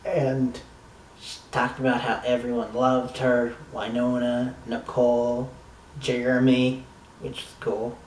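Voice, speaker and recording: A man talks through a TV episode in a slow, unhurried drawl, with the rambling enthusiasm of a fan who swears now and then. His voice sits a little off from the microphone in a roomy, echoing space, with faint ambient noise behind him. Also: medium pitch, completely flat delivery, far from the mic. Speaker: TV episode reviewer. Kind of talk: casual review monologue.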